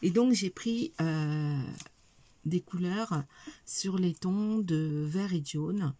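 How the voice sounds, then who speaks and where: A middle-aged woman talks her viewers through a craft haul, holding up each item. She speaks slowly and hesitantly, with many fillers, in a slightly husky, mellow, lowish voice. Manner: talks to viewers while showing items. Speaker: craft vlogger. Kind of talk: casual craft haul video.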